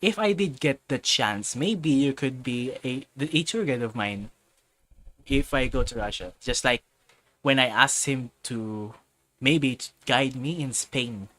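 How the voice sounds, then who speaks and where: Chatting casually on a livestream and answering viewers, a Filipino host rambles, keeps restarting and correcting himself, and loops back to what he meant. He speaks at medium pitch, a little slowly, in a pushed, bright voice.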